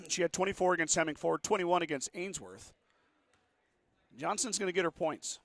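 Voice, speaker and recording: Hoarse man calling local basketball. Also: high voice, a bit bright, no echo. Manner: quick play-by-play, rising with the action, reads sponsor ads fast. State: sore throat. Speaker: play-by-play announcer. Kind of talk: local radio basketball commentary.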